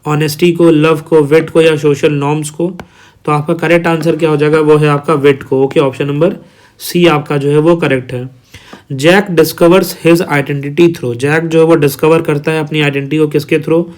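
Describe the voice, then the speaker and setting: A man runs through exam multiple-choice questions as a tutor. His voice sits a little high, and he falls into a steady repeating pattern of listing options and announcing the answer. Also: moderate pace. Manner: repetitive, reads options then announces answer. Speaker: teacher. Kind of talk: exam quiz walkthrough.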